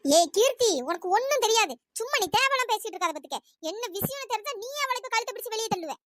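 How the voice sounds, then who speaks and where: A performer voicing a sharp-tongued older aunt in a cartoon story, nagging and accusing. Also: very high voice, lively intonation, very fast, no room sound, clean studio sound. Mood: scolding. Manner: nagging, accusing, shouting insults.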